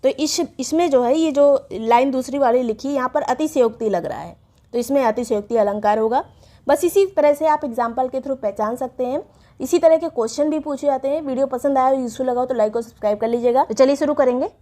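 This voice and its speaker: A woman's voice: high voice, fairly quick, mellow. A woman teacher giving an exam revision lesson, explaining spellings step by step and repeating each word.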